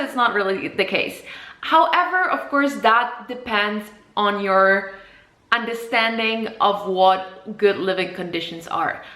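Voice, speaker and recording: A Polish woman in her 20s, a native Polish speaker who grew up partly in Copenhagen, talks casually to camera in a vlog, explaining things as she goes. Her voice is medium-pitched, pushed and bright.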